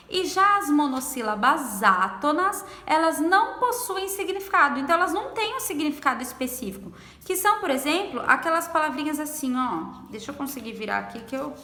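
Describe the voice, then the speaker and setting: A woman teaching a language lesson, explaining patiently and stretching out example words slowly. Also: sits high, pushed and bright. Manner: slow, drawn-out pronunciation of example words; explains patiently and checks understanding with questions. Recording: echoey room with long reverb.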